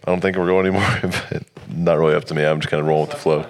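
A man's voice: rumbling low, fairly even intonation, racing. A man in his twenties, a college football player guesting on a podcast, trading easygoing jokes in casual chat. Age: 20s. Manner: joking, easygoing banter. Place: podcast studio.

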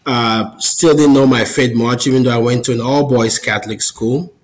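A man in his forties from Cameroon speaks as a guest over a video call. His voice sits at an ordinary middle pitch, and his delivery is friendly and earnest. He talks through a long personal story at an easy conversational pace. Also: steady tone, normal speed, poor audio. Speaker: podcast guest. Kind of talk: casual interview storytelling.

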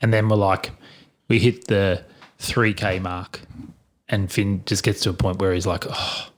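A middle-aged man telling stories in a casual chat with friends, animated and laughing often. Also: low-pitched, a little slow.

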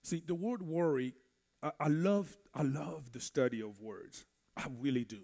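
A minister from the Congo, whose first language is French, is teaching a Bible study in church. His voice is fairly high but dark in tone, with vocal fry, and he speaks at a moderate pace. He preaches conversationally and repeats words.

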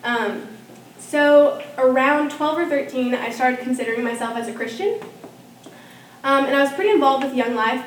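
Young woman sharing her faith story. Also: on the high side. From Norman, Oklahoma. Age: young adult. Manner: casual, many ums and likes. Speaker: student giving testimony. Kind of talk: personal faith testimony. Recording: echoey room, from far off, faint hiss.

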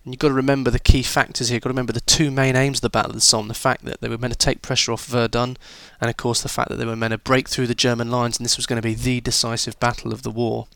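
A man's voice: mid-range voice, little pitch movement, very fast, creaky, few pauses, a bit bright, no room sound. A man talking students through a history lesson in a chatty, informal way, with fillers and restarts. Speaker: history teacher.

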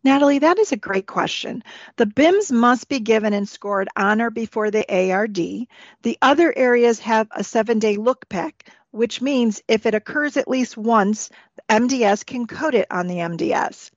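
A woman's voice: fairly high pitch, animated, moderate pace, no room sound. A woman giving formal, scripted instruction as the expert on an educational podcast. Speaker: expert guest. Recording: dull, lo-fi podcast audio.

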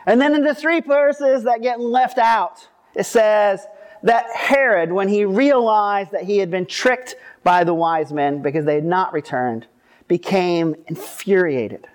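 Guy pastor at a pulpit mic, kinda high voice, explaining scripture in a casual way. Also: unhurried. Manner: informal, explanatory, lightly humorous. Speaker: pastor or preacher. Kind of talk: scripture reading and conversational sermon. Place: speaking to a seated congregation at a church service.

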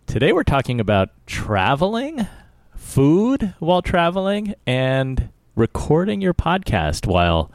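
A man's voice: on the high side, wildly swooping pitch, measured pace, dry recording. A man co-hosting a podcast in casual chat, easygoing and wry. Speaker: podcast co-host.

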